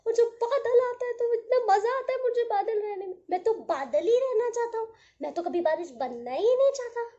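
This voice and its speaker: Woman doing a stubborn grumpy cloud guy, loud and flustered, high mellow voice. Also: animated, moderate pace. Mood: protesting. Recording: dull lo-fi audio.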